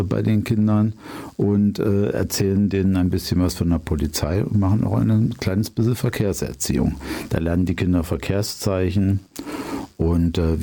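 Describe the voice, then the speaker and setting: A man's voice: low voice, vocal fry, mellow. A man in his fifties, a police traffic educator, explaining his work in a radio interview with frequent hesitations. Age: 50s. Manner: explaining, many fillers.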